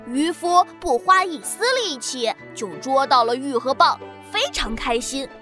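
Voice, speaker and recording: High-voiced woman telling a kids' story. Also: faint music behind. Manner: gentle, expressive, slow-paced. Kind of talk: children's story narration.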